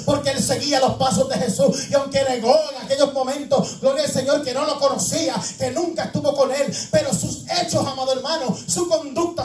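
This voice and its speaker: A man's voice: extremely high pitch, a little mellow. A male pastor preaching a fervent sermon, repeatedly calling out "glory to the Lord" and "beloved brother" and asking the congregation rhetorical questions. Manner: repeats "gloria al Señor" and "amado hermano" as fillers. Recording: echoey room, distant mic, faint music.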